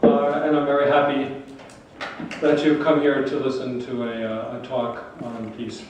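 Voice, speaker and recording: A man interpreting a talk into English, searching for words with halting restarts. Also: medium pitch, flat delivery, darkish tone. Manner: halting, many fillers and restarts. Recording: echoey hall from far off with faint noise.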